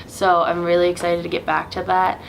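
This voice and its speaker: Young woman, bubbly gushing sorority-girl type, slightly low voice, casual testimonial. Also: monotone, brisk, vocal fry, slight background noise, poor audio. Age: young adult. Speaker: new sorority member.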